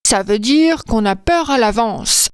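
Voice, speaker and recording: A woman voicing a nervous, gentle male moose in a storybook tale, speaking slowly and earnestly. She reads in a dry, close room. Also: fairly high pitch, animated, clear, resonant tone, no echo. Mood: worried.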